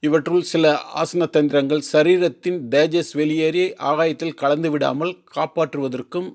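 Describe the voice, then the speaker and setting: A man reading a formal religious text aloud, slow and careful, sometimes restarting long words. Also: on the high side, steady tone, darkish tone. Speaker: teacher.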